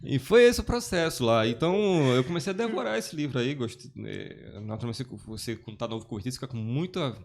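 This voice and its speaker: A man speaks as a guest in an easygoing chat. His voice has a gravelly, creaky edge at a middle pitch. He tells his story in a rambling way, often breaking off and restarting his sentences. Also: animated, quick pace, few pauses. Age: 40s. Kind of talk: casual testimony chat.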